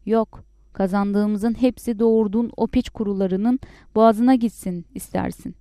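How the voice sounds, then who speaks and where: A woman voicing a sulky, childish peasant husband who shouts back defensively and whines. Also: medium pitch, fairly even intonation, normal speed, dry recording, clean studio sound, natural voice. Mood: whining.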